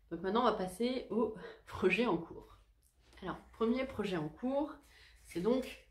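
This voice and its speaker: A woman's voice: mid-range voice, a little mellow. A woman hosting a knitting podcast, talking casually to camera in a chatty, hesitant and self-deprecating way. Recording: echoey room.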